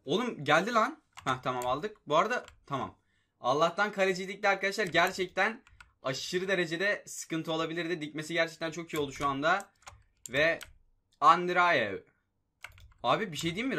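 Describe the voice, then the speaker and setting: A young man giving live commentary on his football video game, excitable and prone to frustrated outbursts, with keys clicking behind him. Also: fairly high pitch, moderate pace. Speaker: gaming YouTuber.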